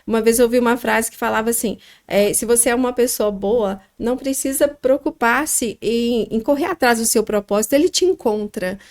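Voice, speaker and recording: A middle-aged woman with a Minas Gerais accent, telling her story as a podcast guest, reflective and pausing often with fillers. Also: on the high side, darkish tone. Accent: Minas Gerais Brazilian Portuguese. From Minas Gerais, Brazil. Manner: reflective, pauses with frequent fillers. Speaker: guest, restaurant founder.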